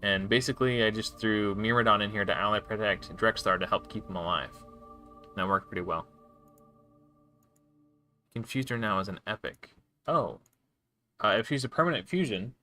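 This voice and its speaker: A man's voice: on the low side, normal speed, long pauses, pushed and bright, soft background music. A man streaming live and casually commenting on his gameplay, rambling with frequent restarts and self-corrections. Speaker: game streamer.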